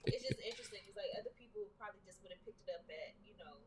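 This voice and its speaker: A woman's voice: medium pitch, animated, racing, slight background noise, rough recording. A woman in casual chat, teasing and bantering playfully.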